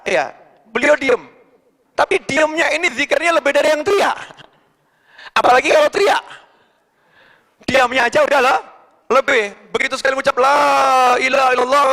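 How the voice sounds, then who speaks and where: High, bright-voiced man preaching in a hall. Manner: animated, swings between shouted peaks and low murmurs. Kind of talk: sermon with storytelling. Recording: long hall reverb.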